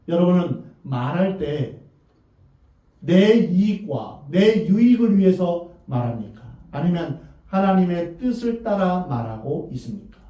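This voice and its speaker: A male pastor delivers an earnest sermon and poses rhetorical questions to the congregation. His voice sits a little high but sounds mellow and dark. It is picked up from a distance in a big, echoing sanctuary. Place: church sanctuary. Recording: very echoey, distant, dull church recording.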